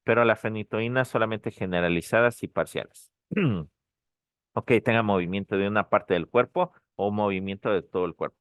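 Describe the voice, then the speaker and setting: A lower-pitched man, teaching a pharmacology class online. He repeats the key terms and keeps checking in with a quick "ok?". The recording is close and dry. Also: fairly bright tone, clean tone, no room sound. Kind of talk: online lecture. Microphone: dry close mic, online session.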